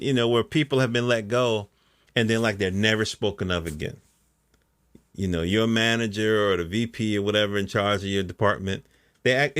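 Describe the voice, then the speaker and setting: Low-pitched yet fairly bright, this middle-aged American man's voice comes across clear and resonant in a dry, clean studio recording with very little room sound. He rambles colloquially like a laid-back podcast host and frequently checks that the listener is with him in a casual monologue.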